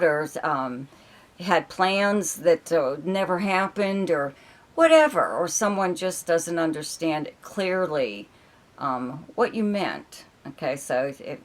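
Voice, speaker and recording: A woman with a low-pitched voice walks through a monthly astrology forecast in a loose, rambling way. She keeps checking in with her listeners with "okay?", and her voice is wearing thin. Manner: rambling, filler-heavy, keeps adding "okay?". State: losing her voice.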